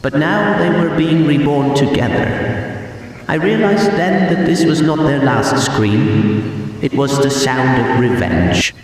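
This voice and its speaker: A man narrates in brooding, grim first person as a haunted, guilt-ridden Pac-Man who has devoured the ghosts. His voice is a little high and expressive, his pace slow, and the recording sounds distant and echoey, as in a hall, with faint hiss.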